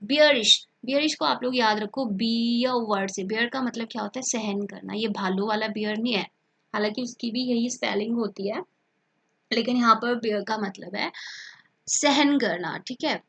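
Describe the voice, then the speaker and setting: A woman's voice: on the high side, normal speed, vocal fry, a bit bright, slightly rough. A woman teaches vocabulary for competitive exams. She explains each word in Hindi, repeats the terms several times, and keeps checking in with her students as she goes. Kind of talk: online exam-prep lesson.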